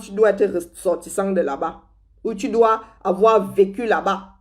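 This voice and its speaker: A woman's voice: medium pitch, darkish tone. A woman from Cameroon with a Cameroonian French accent, delivering a sarcastic, scornful political commentary.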